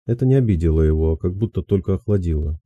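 A man narrating classic prose in a calm, measured audiobook reading. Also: low-pitched, no echo, narrow, tinny audio.

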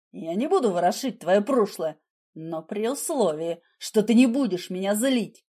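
A woman's voice: mid-range voice, darkish tone, lightly acted. Woman voicing a smug, menacing husband. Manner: smug, taunting. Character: menacing mocking husband, adult man. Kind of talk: audiobook character voice.

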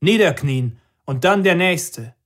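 Man doing a harsh police commander, cold, mocking, clipped orders, raised loud voice. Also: fairly high pitch, expressive, slow, pitched above the performer's own voice. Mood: commanding. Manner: barked curt orders.

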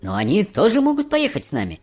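A man voicing a brisk, cheerful, eccentric chocolate factory owner in an audiobook. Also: high voice, huge pitch swings, darkish tone, voice pushed up, heavily acted. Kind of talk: audiobook character voice.

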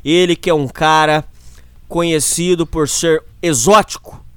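A man's voice: on the high side, fairly even intonation, measured pace, fairly bright tone, clean tone, no echo. A man with a Brazilian accent hosts with a casual spoken introduction, full of repetitive, tongue-in-cheek macho bravado. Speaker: show host.

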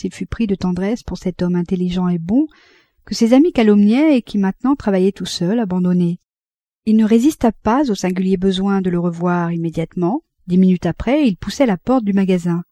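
Lady reading a classic novel aloud, smooth and measured, super dry sound. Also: mid-range voice, mellow, no room sound. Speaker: audiobook reader. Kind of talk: literary audiobook narration.

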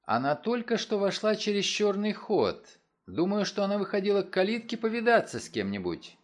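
A man's voice: high voice, very animated, brisk, voice pushed up. A man reading aloud and voicing an anxious young woman in an audiobook, speaking hesitantly and with worry. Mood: worried.

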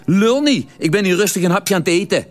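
A man doing a shouting, threatening thug. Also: sits high, animated, brisk, faint music behind, pitched above the performer's own voice. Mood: aggressive shouting. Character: aggressive thuggish man around thirty.

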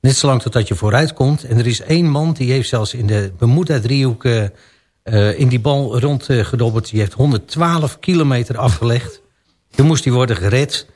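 A man's voice: medium pitch, normal speed, darkish tone. Chatty male radio presenter. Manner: chatty, laughs while telling odd facts. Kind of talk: casual radio chat. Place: local radio studio.

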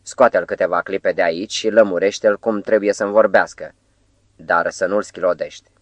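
Audiobook: male reader as a cold, ailing Roman governor, faint voice, low and dry. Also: fairly even intonation, no echo, lightly acted. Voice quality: faint, weary voice. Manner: curt, cold questioning. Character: stern sick middle-aged male Roman governor. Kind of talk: audiobook character reading.

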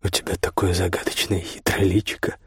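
A hushed, teasing grown man in whispered role-play, as a male reader plays him. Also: level tone, brisk, breathy edge, no room sound, studio quality, full character voice. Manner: hushed, low, intimate. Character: confident grown man, tender, teasing lover.

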